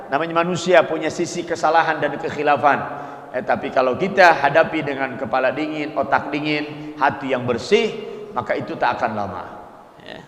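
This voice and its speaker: A man, teaching a casual, lively sermon in a mosque and mixing in Arabic quotes. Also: fairly high pitch. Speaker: religious teacher. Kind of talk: mosque study-circle sermon. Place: mosque hall. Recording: echoey mosque hall with long reverb.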